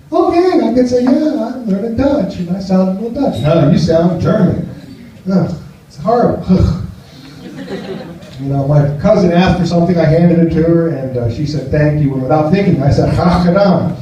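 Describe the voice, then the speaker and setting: An American comedian in his fifties rambles through a self-deprecating stand-up set in a small cafe, chatting with the crowd. His voice is a little high and warm. The live recording is distant, roomy, and muffled, with slight background noise.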